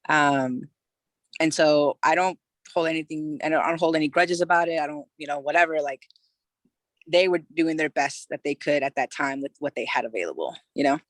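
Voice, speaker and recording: A woman's voice: low-pitched, brisk, no echo. Frank, chatty woman from California, dry sound. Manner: frank, loose and chatty, with heavy "you know" fillers and casual swearing. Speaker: podcast guest. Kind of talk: candid personal storytelling in conversation.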